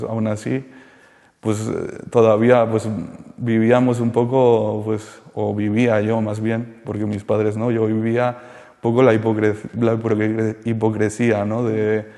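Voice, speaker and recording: A man from Colombia, giving a halting, soft-spoken personal testimony in an interview. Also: fairly low pitch, completely flat delivery, long reverb tail. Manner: halting and soft-spoken, circling back with many restarts. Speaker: interviewee sharing a rehabilitation testimony.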